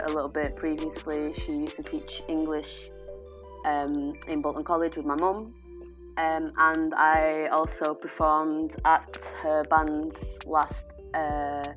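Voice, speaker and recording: A woman co-hosting a podcast, introducing and interviewing guests in a casual, informal way. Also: deep voice. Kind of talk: casual chat.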